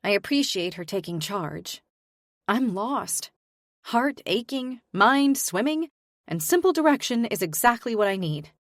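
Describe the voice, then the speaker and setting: A woman's voice: medium pitch, animated, unhurried, no room sound, studio quality. A young woman giving emotional, weary first-person audiobook narration. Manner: emotional, weary, introspective delivery.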